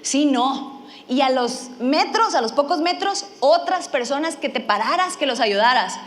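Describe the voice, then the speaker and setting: A woman's voice: high voice, lively intonation, a little slow. A woman from Mexico, preaching a sermon and telling a funny personal story, acting out her own lines with animation.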